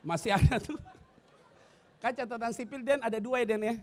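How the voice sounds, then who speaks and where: A man, preaching a sermon. He jokes and swings between loud bursts and hushed asides. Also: extremely high pitch, moderate pace. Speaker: pastor.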